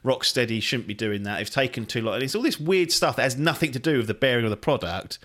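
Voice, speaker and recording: A man's voice: mid-range voice, lively intonation, fast, fairly bright tone. A man hosting a podcast in casual chat, rambling and chatty and swearing freely. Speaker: podcast host.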